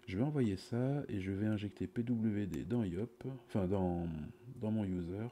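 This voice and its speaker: A middle-aged man giving a casual, improvised live coding commentary, halting and muttering to himself as he works, recorded on a cheap USB mic. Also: on the low side, warm tone, a little hiss or hum. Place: small indoor room at a computer. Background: computer keyboard typing.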